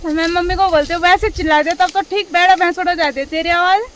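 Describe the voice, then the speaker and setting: A woman's voice: very high voice, steady tone, fast talker, fairly bright tone, a little hiss or hum. A young woman chatting to viewers in a casual vlog while cutting grass in hill farm fields. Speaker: vlogger.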